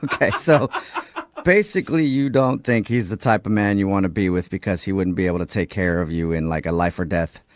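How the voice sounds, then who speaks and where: A man hosting a radio show, moderating the callers in a brisk and wry way. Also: sits low. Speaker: radio host.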